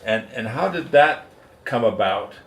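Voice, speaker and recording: A man's voice: mid-range voice, expressive, a little slow, creaky, fairly bright tone. A man helping run an interview, speaking in a courteous, considerate, conversational way. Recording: distant, echoey room with faint noise.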